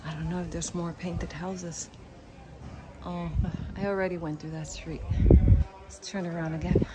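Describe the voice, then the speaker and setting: A woman's voice: on the low side, flat delivery, normal speed. A young woman casually narrating a walking tour while filming on a handheld phone outdoors, upbeat, chatty and playful. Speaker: travel vlogger. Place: outdoors on town streets and stairs. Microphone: handheld phone camera on a selfie stick. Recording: loud outdoor noise, street and wind.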